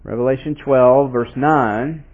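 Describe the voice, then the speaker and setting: A man's voice: medium pitch, slow, husky. Tinny-sounding preacher, a man teaching. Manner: conversational, asks the listeners questions; reads scripture aloud with emphasis. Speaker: pastor. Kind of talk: expository sermon.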